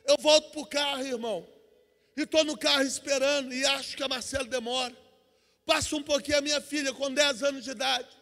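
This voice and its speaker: A man preaching a testimony sermon in a church, moving between hushed storytelling and shouted preaching. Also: extremely high pitch, steady tone, fairly quick. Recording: church hall reverb.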